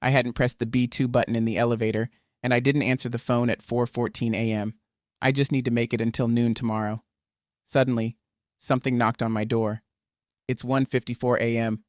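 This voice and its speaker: A man telling a first-person horror story in steady, tense scripted narration. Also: medium pitch, a little fast, dry recording, studio quality.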